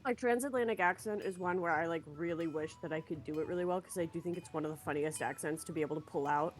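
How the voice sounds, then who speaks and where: A woman's voice: deep voice, quick pace, faint music behind. A woman co-hosting a game stream in casual, slangy, enthusiastic chat.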